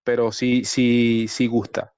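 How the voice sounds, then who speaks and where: A man's voice: mid-range voice, level tone, slow, a little mellow, clear, resonant tone, no echo. A Venezuelan man in his thirties, an interview guest, talking earnestly and hesitantly with many repeated words. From Venezuela, Zulia. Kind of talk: casual remote interview. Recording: dry, dull lo-fi call audio.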